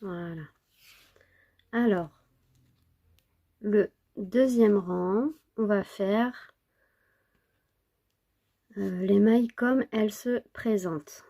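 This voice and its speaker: A woman who is a little sick, giving an informal knitting tutorial step by step in an unhurried way. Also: medium pitch, vocal fry, warm tone. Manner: unhurried, counting and repeating steps. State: slightly sick, under the weather with a cough.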